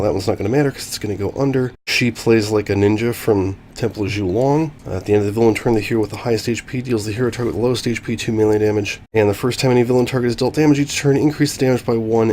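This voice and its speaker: Low-voiced man gaming over fan noise. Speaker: streamer hosting a card game playthrough. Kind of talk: casual game commentary, reading card text aloud. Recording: steady fan noise behind the voice. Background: whirring fan.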